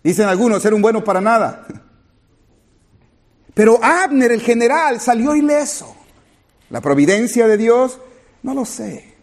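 A man's voice: extremely high pitch, a little slow, pauses often. A man preaching a sermon to his congregation, retelling a scripture story and speaking to his listeners directly. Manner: animated, rising and falling, retelling scripture with quoted dialogue.

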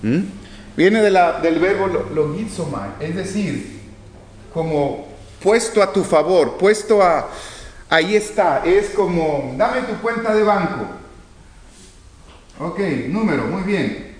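A man preaching a Bible teaching sermon, reading verses slowly and then asking and answering his own questions. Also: high voice. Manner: animated, swinging from loud to hushed.

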